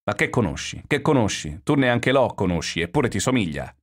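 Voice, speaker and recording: A man reading aloud puts on an enraged, scornful male clerk in a storybook scene, shouting and taunting with a deep, low voice. He stays close to the reader's own sound, only pushed up in heat. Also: very animated, brisk. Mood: angry.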